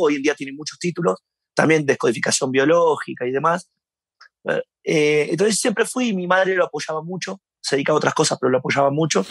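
A man with a Uruguayan Spanish accent telling stories in a casual interview, animated and laughing often. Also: fairly high pitch, no echo. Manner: animated storyteller, laughs often, acts out shouts. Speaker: interview guest.

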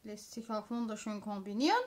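A woman's voice: medium pitch, lively intonation, brisk. A woman chatting casually as a vlogger, showing purchases in an informal, explanatory manner. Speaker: craft haul vlogger.

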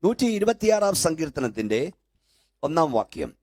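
An older man preaching a sermon as pastor in a church hall, with fervent repeated calls that build up to shouting. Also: on the high side, very animated, moderate pace.

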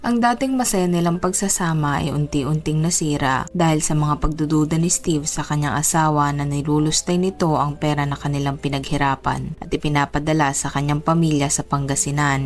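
A woman with a notably low voice tells a true-crime story in a steady, scripted way. Faint music runs quietly under her narration. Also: a little fast, hardly any pauses.

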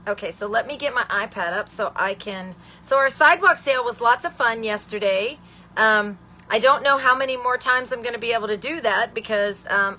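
Bright chatty woman hosting a craft stream. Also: fairly high pitch, slight background noise. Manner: greets viewers by name, calls them honey and sweetheart; rambling, with many ums and restarts. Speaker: host of a live craft stamping show. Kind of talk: live stamping tutorial, chatty.

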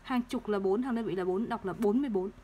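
A woman teaching third-grade math, explaining place values slowly and patiently and repeating each number. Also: mid-range voice, dark tone, slightly rough. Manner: slow, patient, repeats numbers to drill them.

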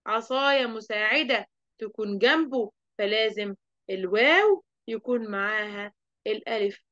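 A woman with an Egyptian Arabic accent, a teacher telling a story to children in a lively way and asking them questions. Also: on the high side, dry recording, muffled recording.

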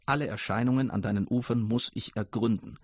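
A man's voice: mid-range voice, steady tone, a little fast, husky, dry recording, natural voice. A man voicing Thinking as a curious, eager figure that insists on knowing, in a dull lo-fi radio recording. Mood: eager, insistent.

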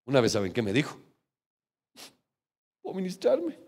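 A man preaching a sermon as pastor in a church, telling a family story with lively back-and-forth voices and calling his listeners brother. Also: medium pitch, moderate pace, slightly rough. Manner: animated storytelling, often calling the congregation brother.

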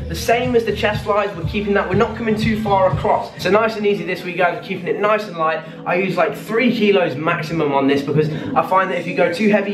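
A British fitness vlogger in his early twenties, with a voice that sits high, explains a workout to camera in an enthusiastic, informal way. He's in a small brick garage home gym, recorded on a camera at arm's length or propped nearby, and the small room echoes with music playing behind him.

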